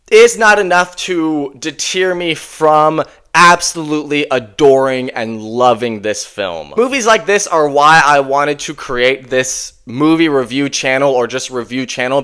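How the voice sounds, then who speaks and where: Young male film reviewer, slightly high, smooth voice, enthusiastic and rambling with fillers. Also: fairly bright tone. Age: 20s. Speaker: movie reviewer. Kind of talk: casual movie review vlog.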